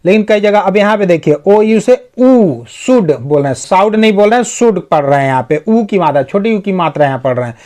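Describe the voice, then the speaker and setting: A man with a high voice teaches English to Hindi speakers. He reads each English sentence slowly, then explains it word by word. Along the way he lists synonyms and asks questions he answers himself. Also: lively intonation, a little mellow. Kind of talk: Hindi-medium English lesson.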